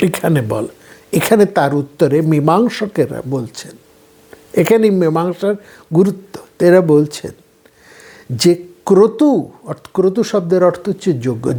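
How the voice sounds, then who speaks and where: Slow, mellow Bengali-speaking lecturer man. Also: high voice. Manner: measured, deliberate, trailing off softly at phrase ends. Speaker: philosophy lecturer.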